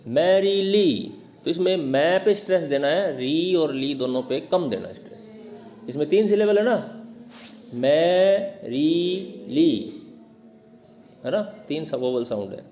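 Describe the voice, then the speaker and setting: Man, teacher, patient explainer, drills example words, a touch high-pitched. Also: darkish tone. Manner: repeats words slowly to show stress, mixes English reading into Hindi explanation. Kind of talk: explaining English literary terms.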